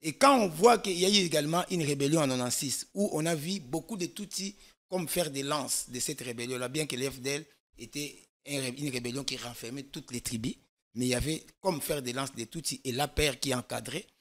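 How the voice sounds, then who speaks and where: A man's voice: mid-range voice, a little fast, a bit bright. A man from Congo, a guest expert on a political talk show, explaining at length with emphasis and frequent restarts. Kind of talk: studio political discussion.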